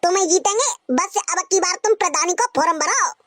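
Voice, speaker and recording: A woman's voice: extremely high pitch, brisk, dry recording, soft background music. A woman performing a village comedy skit, talking in rural dialect and singing teasing folk lines. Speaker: comic sketch performer.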